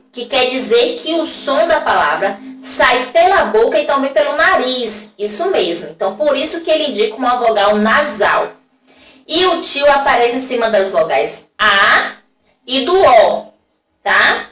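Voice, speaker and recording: A Brazilian woman teacher giving a recorded lesson to young children, drawing out example words slowly and checking in with the class often. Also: high-pitched, fairly bright tone. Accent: Brazilian Portuguese. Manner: slow, drawn-out pronunciation of example words; frequent checking tags to the class. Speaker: primary school teacher. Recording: echoey room, voice from a distance.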